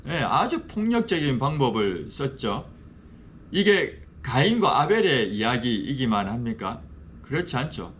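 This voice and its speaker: A male pastor delivers a Bible study lecture with a measured, explanatory delivery. His voice sits at an ordinary middle pitch. He often turns to the class with questions, and a faint hum of room ambience runs underneath. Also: a bit bright. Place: church classroom.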